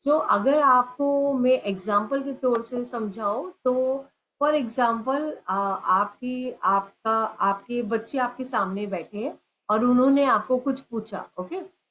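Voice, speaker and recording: A middle-aged woman giving a gentle spiritual talk as a meditation teacher, slow and teacherly, full of everyday examples. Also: on the high side, a little hiss or hum, rough recording. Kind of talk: spiritual talk mixing Hindi and English.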